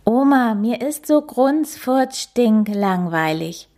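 A woman's voice: on the high side, lively intonation, a little mellow, voice pushed up. A woman voicing a bored, sulky little boy coati who whines and complains. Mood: whiny. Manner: whining, drawn-out complaining.

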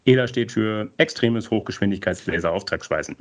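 Guy hosting a podcast, lowish voice, really bouncy delivery, scripted intro, likes a pun. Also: fairly quick. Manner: animated, playful wordplay. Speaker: podcast host.

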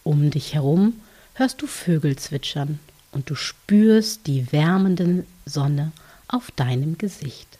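Female narrator for children's guided relaxation: mellow, low-leaning, soft dreamy hush, soothing and unhurried. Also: expressive. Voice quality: soft, breathy, hushed, at times near whisper. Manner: gentle, soothing, unhurried with long pauses.

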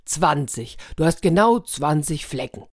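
A woman's voice: low voice, expressive, a little slow, no echo, studio quality. A woman voicing a self-assured, mocking male elephant in a storybook reading. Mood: scoffing. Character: scoffing big male elephant.

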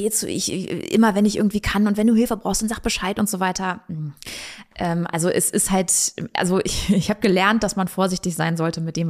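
A woman in her thirties speaks as a guest on a podcast. Her voice sits a little low for a woman. She talks reflectively and haltingly, pausing and rephrasing as she tells a personal story. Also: darkish tone. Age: 30s. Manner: halting, reflective, often restarting sentences.

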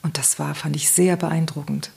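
A woman speaks as a guest in a relaxed interview, with a low and slightly husky voice. She explains gently and thoughtfully and often pauses to find her words. Her tone stays calm and measured. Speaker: guest giving parenting advice. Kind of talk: reflective conversational interview.

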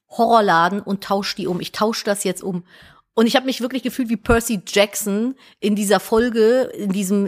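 Animated woman telling a story. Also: a little high. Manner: animated, acts out both sides of quoted dialogue. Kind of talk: casual chat, anecdote telling.

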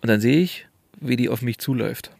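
Gravelly, husky young man telling a story. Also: medium pitch, brisk, dry recording. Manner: slangy, animated storyteller. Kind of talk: casual chat, storytelling.

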